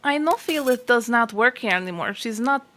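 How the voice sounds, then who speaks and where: A woman's voice: on the high side, expressive, normal speed, background noise. A woman playing a tabletop game, talking casually as herself and as her character.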